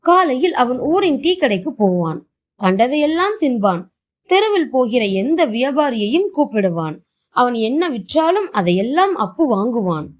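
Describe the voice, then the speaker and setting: Lively woman reading stories aloud. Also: sits high, normal speed. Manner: expressive reading with voiced dialogue. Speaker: storyteller.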